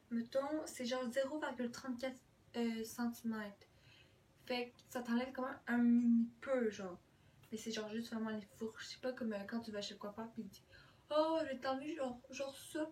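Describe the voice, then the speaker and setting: A woman with a Québécois accent chatting through a casual product demo vlog, full of hesitations and dropped English words. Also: fairly high pitch. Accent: Québécois French. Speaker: beauty vlogger. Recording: distant mic, faint room noise.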